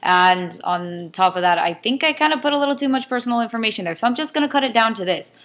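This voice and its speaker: A woman's voice: on the high side, expressive, fast talker, a bit bright. A young woman in a casual vlog rant, talking in a chatty, rambling way and often correcting herself mid-sentence. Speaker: vlogger.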